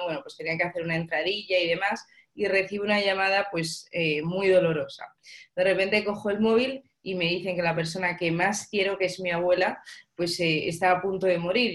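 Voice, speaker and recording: Woman telling her story, lower-pitched. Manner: animated storyteller, acts out dialogue. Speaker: guest entrepreneur. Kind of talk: conversational storytelling interview.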